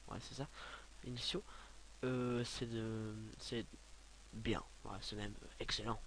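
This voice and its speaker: A young man giving a casual, rambling software tutorial, filling his talk with hesitations and offhand asides. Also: on the low side, little pitch movement, a little slow, a little hiss or hum. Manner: rambling, many filler sounds, offhand asides. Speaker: tutorial maker.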